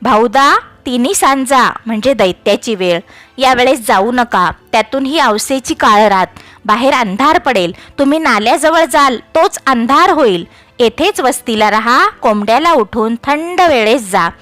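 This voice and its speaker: A woman's voice: a little high, animated, measured pace, fairly bright tone, dry recording. A woman voicing an anxious old village woman who earnestly urges a man to stay the night. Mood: warning. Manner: earnest, coaxing.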